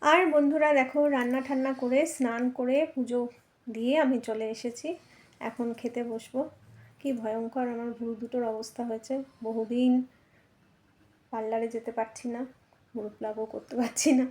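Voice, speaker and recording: A woman's voice: on the high side, flat delivery, normal speed, a little mellow. Chatty woman vlogging at home. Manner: chatty, addresses viewers as friends. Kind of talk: casual home vlog chat. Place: home rooms.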